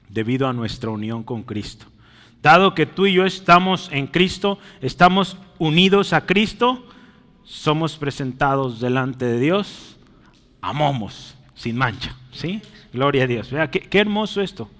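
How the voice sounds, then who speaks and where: Man preaching, slightly high voice, lively rises and soft drops, long hall reverb. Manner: teaching at a whiteboard, asking the congregation along; lively, rises loudly on key phrases, then drops soft. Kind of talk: sermon. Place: church hall.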